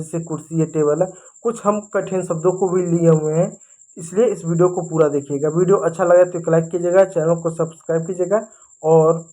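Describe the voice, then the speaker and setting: A man leads a vocabulary lesson for children and friends watching. He explains each sentence word by word and slows right down whenever he reads an English example. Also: high voice, a little mellow, low-quality recording. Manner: addresses viewers as children and friends. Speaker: teacher.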